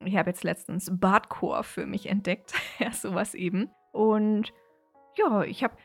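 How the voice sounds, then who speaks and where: A woman's voice: medium pitch, steady tone, a little slow, vocal fry, soft background music. A woman in her thirties co-hosting a casual podcast, breaking into laughter often. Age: 30s. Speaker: podcast co-host.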